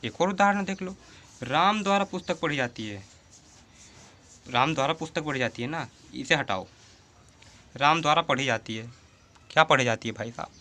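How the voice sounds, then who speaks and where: A man's voice: fairly high pitch, normal speed, long pauses, pushed and bright. A man teaching a Hindi grammar lesson, repeating his examples and asking rhetorical questions to his students. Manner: addresses the viewer as 'bhai'.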